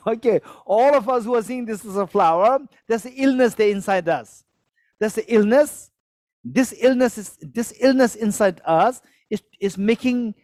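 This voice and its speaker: With a high voice and darkish tone, a man whose first language is Tibetan gives a Buddhist teaching to a live audience. He repeats phrases, asks people to raise their hands, and chuckles while explaining. The recording is dry.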